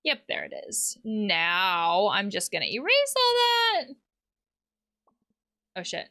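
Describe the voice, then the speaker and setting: A woman who works as a counselor, playing a video game and chatting reflectively as she reads the game text aloud with soft laughs. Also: mid-range voice, wildly swooping pitch, takes it slowly. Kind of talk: let's play commentary.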